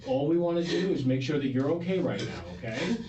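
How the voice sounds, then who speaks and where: A man working as a sheriff's detective, calmly questioning a suspect in a police interview room, recorded on old interrogation tape. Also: on the high side, brisk, a crowd in the background. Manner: calm, soothing, repeats "okay?" constantly. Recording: distant, dull, echoey interrogation tape.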